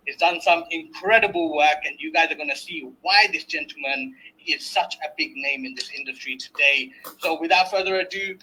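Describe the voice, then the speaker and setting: A man's voice: fairly high pitch, bright, forceful tone, husky, rough recording. A man hosting an online webinar, energetically hyping up the audience before introducing a guest. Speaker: webinar host. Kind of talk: hype introduction.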